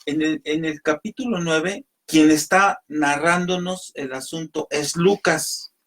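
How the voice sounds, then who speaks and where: A man's voice: fairly high pitch, takes it slowly, a bit bright. Man teaching a Bible study. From Mexico. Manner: explanatory, addresses listeners as brothers, reads scripture aloud. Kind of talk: radio Bible study talk.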